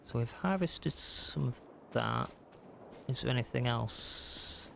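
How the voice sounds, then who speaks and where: A man's voice: mid-range voice, lively intonation, slow pace, creaky, noisy background. Chatty man streaming a cozy game. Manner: chatty, self-deprecating, talks to chat. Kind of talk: casual live gameplay commentary.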